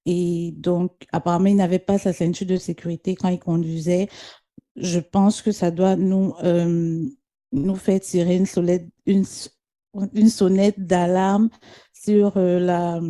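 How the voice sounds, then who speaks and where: Earnest Cameroonian woman, low and flat. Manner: earnest, emphatic. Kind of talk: casual chat.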